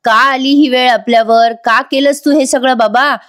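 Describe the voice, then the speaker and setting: A woman's voice: high-pitched, steady tone, normal speed, fairly bright tone, voice pushed up. A woman voicing a distraught old man in his seventies who trembles as he pleads.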